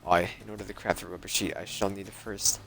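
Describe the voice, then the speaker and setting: A man's voice: sits low, little pitch movement, quick pace, gravelly, fairly bright tone, a little hiss or hum. A man voicing a grandiose armored carpenter from a video game, with pompous, archaic phrasing. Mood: pompous, solemn.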